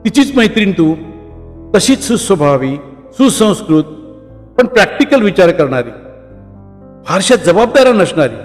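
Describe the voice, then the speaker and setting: A man reading a short story aloud in a measured, emotional way. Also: high-pitched, sing-song. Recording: long reverb with soft music.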